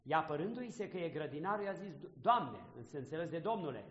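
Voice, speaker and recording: A man with a high voice preaches, reading scripture and thinking aloud with questions put to his listeners. His voice rings with the long reverb of a large room, and the sound is somewhat dull. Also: expressive. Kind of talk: sermon commenting on scripture.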